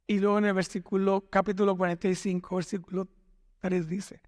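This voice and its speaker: High-voiced pastor in a reverberant church. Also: male voice, level tone. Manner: dramatic, acts out the characters' words, slow emphatic delivery. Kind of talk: Father's Day sermon, retelling Bible story. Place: church hall.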